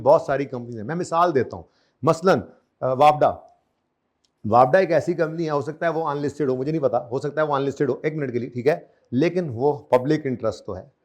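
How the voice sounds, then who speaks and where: With a mid-range, darkish voice, a male accounting lecturer hammers key terms home by repetition and keeps testing his class with questions.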